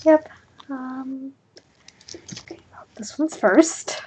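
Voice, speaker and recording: A woman's voice: high-pitched, slow, a little mellow, slight background noise, rough recording. A woman playing a tabletop game, casual and offhand, often laughing and half-whispering. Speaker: player.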